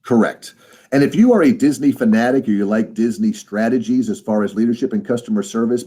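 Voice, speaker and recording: A man's voice: mid-range voice, dark tone, breathy edge. A man co-hosting a podcast in casual, playful chat, often repeating phrases for emphasis. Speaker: podcast co-host.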